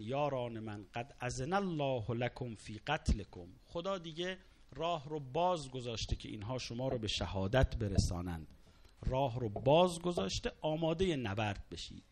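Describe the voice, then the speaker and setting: A man delivers a sermon as a dramatic story. His pitch swings widely, climbing into raised cries and dropping low again. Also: a little mellow, slight background noise. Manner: dramatic storytelling, rising to cries and quoted Arabic. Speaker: preacher. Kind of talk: sermon narrating a martyrdom account.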